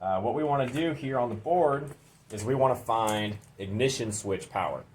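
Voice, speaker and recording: A man hosts a casual DIY garage vlog, explaining a hands-on job informally while he works on it. His mid-range voice has lively intonation at normal speed.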